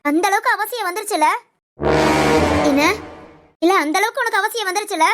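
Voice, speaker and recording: A woman's voice: very high-pitched, brisk. A woman voicing a coaxing older woman friend. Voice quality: coaxing, insistent. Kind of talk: audio story role-play.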